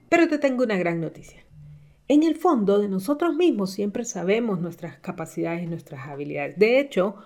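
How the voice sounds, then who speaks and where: A middle-aged woman coach giving a motivational talk, speaking with lively, emphatic swings up in pitch. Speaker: leadership coach.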